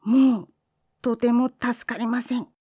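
A woman's voice: high voice, unhurried, dark tone, no room sound, clean studio sound, voice pushed up. A woman doing a sly little temple boy, faintly pleading. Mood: feeble pleading.

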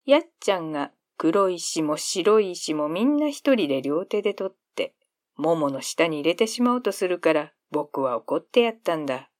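A woman narrating a classic short story in a calm storytelling manner. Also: on the low side, moderate pace, dry recording, clean studio sound.

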